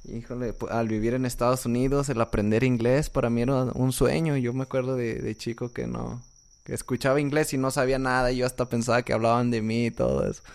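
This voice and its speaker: A man's voice: medium pitch, fairly even intonation, fairly quick, vocal fry. A man with a Mexican accent in casual conversation, hesitating and repeating words as he thinks.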